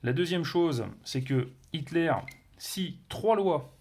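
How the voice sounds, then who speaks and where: A man's voice: on the high side, slow pace, darkish tone. A man reviewing a board game, explaining its rules casually with many fillers, restarts and playful sound words. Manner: hesitant, many fillers and self-corrections.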